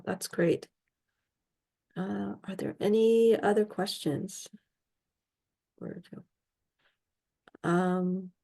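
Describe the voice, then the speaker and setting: A woman's voice: fairly low pitch, creaky, mellow. A woman moderating a conference over a video call, thanking the speaker and reading out questions.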